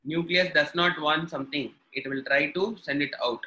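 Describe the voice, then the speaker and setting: A man with a South Indian accent gives an online class in a fairly high, bright, forceful voice. He explains like a teacher, restating each point in short, simple sentences. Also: fairly even intonation, normal speed, poor audio. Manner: instructional, repeats and rephrases points. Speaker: biology teacher. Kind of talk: live online lesson, explaining with short repeated examples.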